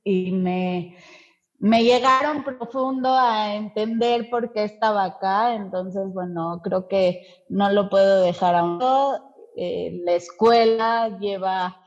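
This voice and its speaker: A woman's voice: medium pitch, slow pace, a little mellow, lo-fi sound. A woman talking casually as an interview guest on a podcast. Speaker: podcast guest, Montessori educator.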